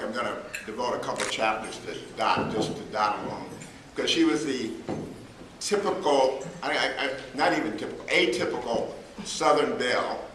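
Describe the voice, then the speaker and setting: A middle-aged man, a former police chief, telling stories from his career in a measured, anecdotal way to a club audience. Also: mid-range voice, pushed and bright, slight background noise. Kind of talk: storytelling talk to a club audience. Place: hall at a club luncheon. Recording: roomy hall, mic at a distance.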